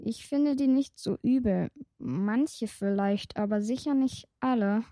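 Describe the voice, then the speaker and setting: Shy, hesitant vampire girl, voiced by a woman; slow speech, dry close mic. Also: a little high, warm tone, no room sound, natural voice. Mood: earnest. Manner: hesitant, stammering. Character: timid young female vampire from far away.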